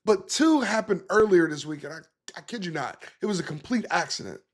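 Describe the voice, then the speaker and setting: A man's voice: high voice, animated, brisk. A man hosting a political commentary show, talking in an emphatic, conversational way and reacting to the clips he plays. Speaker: podcast host.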